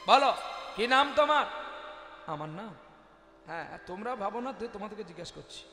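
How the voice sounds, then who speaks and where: Male kirtan preacher, very high voice, dramatic and animated, long echoing hall. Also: fairly quick. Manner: dramatic, animated, addresses the audience directly. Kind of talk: devotional kirtan storytelling sermon. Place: live devotional gathering. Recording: echoey hall with music.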